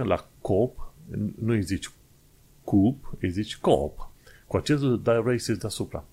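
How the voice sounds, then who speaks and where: A man from Romania talks straight to his viewers in a loose, conversational monologue. His voice sits fairly low, and he explains patiently, wandering off on small tangents and pausing to find his words. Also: a little mellow. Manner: chatty, digressive, explains step by step with hesitations.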